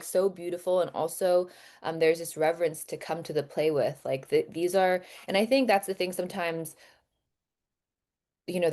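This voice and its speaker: An American actress as a podcast guest, speaking earnestly and casually with frequent fillers. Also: female voice, low-pitched, a little mellow. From United States. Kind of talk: podcast interview.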